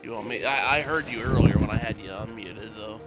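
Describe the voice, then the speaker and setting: A man's voice: medium pitch, a little fast, loud music behind the voice. Stuffy-nosed man, hesitant. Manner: hesitant, trailing off, many fillers. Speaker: guest gamer. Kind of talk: casual voice-chat conversation. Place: home, on voice chat.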